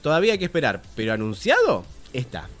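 A man's voice: mid-range voice, wildly swooping pitch, quick pace, fairly bright tone, soft background music. A man with an Argentine Spanish accent hosting a casual news commentary show, opinionated and profane. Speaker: show host.

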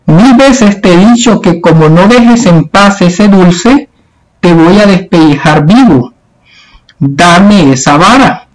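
A male teacher reading a stern old aunt's scolding lines from a storybook, slow and drawn out. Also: high voice, animated, poor audio.

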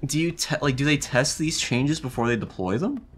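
A man's voice: medium pitch, expressive, normal speed, soft background music. A young man giving casual, dry and wry commentary over his own gameplay, laughing now and then. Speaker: gaming YouTuber.

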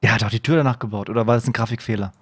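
A man streaming a game live, chatting to viewers and breaking into excited shouts, dropping to a hushed mutter when he sneaks. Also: lowish voice, rapid-fire, husky, dry recording, studio quality. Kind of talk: live gameplay commentary. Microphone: desk microphone.

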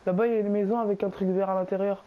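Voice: mid-range voice, level tone, racing, narrow, tinny audio. A young gamer bantering casually and bossily in French suburban street slang during a game. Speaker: video game player recording gameplay.

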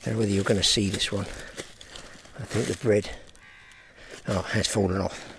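Gravelly man chatting outdoors. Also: fairly low pitch, steady tone, moderate pace, a little hiss or hum. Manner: chatty, talks straight to viewers. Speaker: fishing vlogger. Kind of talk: casual outdoor commentary. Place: outdoors by a lake.

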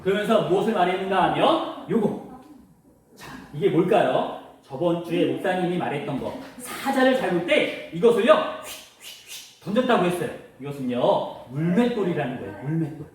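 A man preaching a children's sermon as a story, asking questions and adding sound effects. His voice is high and very lively. He sounds distant in a church room with heavy echo. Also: fairly quick, slight background noise. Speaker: children's pastor. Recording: very echoey room, voice from afar.

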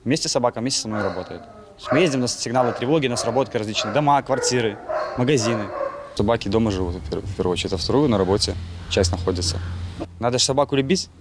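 A man, a patrol dog handler, answering in rapid, stumbling speech. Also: mid-range voice, background noise. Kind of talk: interview answer. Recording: outdoor interview with dogs barking. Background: dogs barking.

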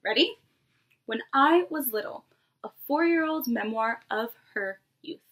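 Reading to young children with lively intonation, this preschool teacher in her twenties keeps a measured pace and a fairly high, slightly bright voice. She addresses the kids directly in an animated read-aloud from a small bedroom indoors.

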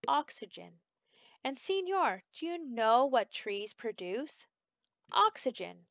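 Hushed whispery porcupines, a woman reading them, dry close sound. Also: high-pitched, very animated, takes it slowly, creaky, no echo, full character voice. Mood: earnest.

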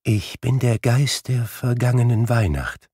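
A man voicing a gentle Christmas spirit with a soft, quiet, melodious voice. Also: medium pitch, lively intonation, a little slow, breathy edge, no echo, studio quality, voice pushed up. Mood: calm. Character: gentle ghost of Christmas past.

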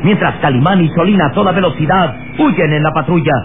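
A man's voice: a little high, fairly quick. A man narrating an old radio serial in a theatrical, suspenseful, dramatic style. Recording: tinny, noisy old radio recording.

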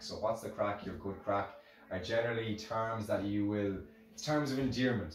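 A middle-aged man with an Irish accent giving a casual, rambling motivational talk to camera, repeating phrases for emphasis. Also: on the low side. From Ireland. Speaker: musical instrument maker sharing lessons learnt. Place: hard-surfaced workshop room, indoors. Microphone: camera a few metres away. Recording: very echoey room, distant microphone, music.

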